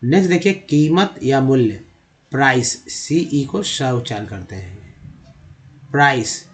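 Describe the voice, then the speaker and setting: Casting male teacher reading a word-list lesson over slides, mid-pitched voice, repeats and drawls each word for pronunciation. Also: animated. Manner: repeats each word slowly, stretching sounds to show pronunciation. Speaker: English teacher.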